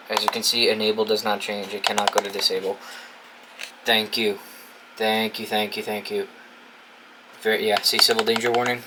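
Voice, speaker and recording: In a dorm room, a young adult from New England hosts a video, casually unboxing and setting up a gadget. His fairly low voice rambles informally as he thinks aloud and swears freely. Clear background noise can be heard behind him.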